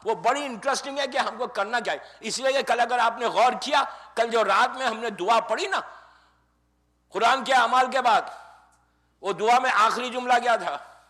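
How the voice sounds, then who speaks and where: Man preaching, high bright voice, lively swings from shouts to hushed asides. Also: normal speed. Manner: swings from loud exclamations to near-whispered asides; conversational, addresses audience as friends. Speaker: Islamic preacher. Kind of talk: Ramadan majlis sermon. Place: mosque or community center hall.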